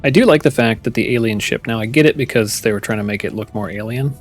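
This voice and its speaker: A man's voice: mid-range voice, fast, faint music behind. A man chatting casually to his viewers while playing a game live, musing aloud as he goes. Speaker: streamer. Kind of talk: casual gameplay commentary.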